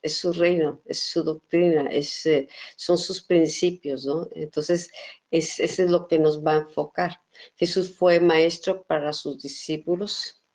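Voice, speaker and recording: A woman's voice: low-pitched, steady tone, unhurried, a little mellow. A woman co-teaching a church class, explaining scripture in a conversational way.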